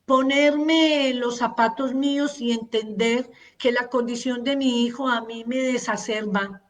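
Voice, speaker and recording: A woman leads a parenting masterclass in a slow, deliberate teaching voice, pitched a little high. She is earnest and repeats words for emphasis as she runs through long lists. Her voice sounds distant from the microphone. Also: steady tone.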